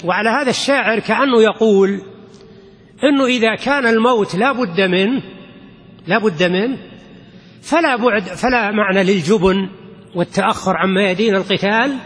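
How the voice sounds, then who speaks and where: A man's voice: high-pitched, fairly bright tone, slightly rough. An older man teaching a lesson on classical rhetoric, patiently explaining and quizzing his students with check questions. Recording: long reverb of a lecture hall.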